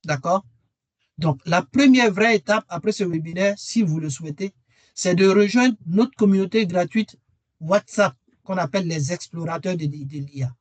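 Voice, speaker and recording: This webinar presenter, a man with a high voice, makes an earnest sales pitch for his training course at a moderate pace. He leans on repeated key phrases for emphasis. The recording is dry.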